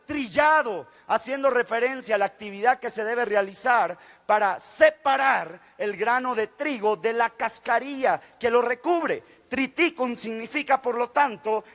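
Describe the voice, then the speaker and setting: A man's voice: very high voice, fairly bright tone, long reverb tail. A man preaching a fervent sermon in church, acting out the voices he quotes. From Guatemala. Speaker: guest preacher. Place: church sanctuary.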